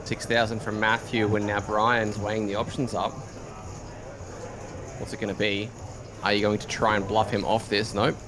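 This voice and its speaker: A man's voice: on the low side, level tone, normal speed, pauses often. A man giving live commentary on a poker tournament. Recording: busy card room crowd behind. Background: poker room crowd noise.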